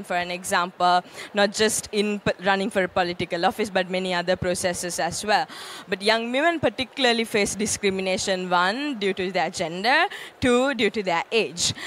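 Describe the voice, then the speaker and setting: A young woman from Sri Lanka answering interview questions on a handheld mic at an event studio, earnest and steady, with many ums and uhs. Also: mid-range voice, a little hiss or hum. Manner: earnest, steady, with frequent um and uh fillers. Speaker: interview guest, UN youth official. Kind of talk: conversational interview. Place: event studio stage with a branded backdrop. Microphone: handheld microphone.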